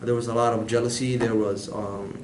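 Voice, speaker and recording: At a fairly quick clip, this student presenter works through his prepared class talk, hesitating frequently and leaning on "um." His pitch barely rises or falls, and the room carries echo plus a faint hiss.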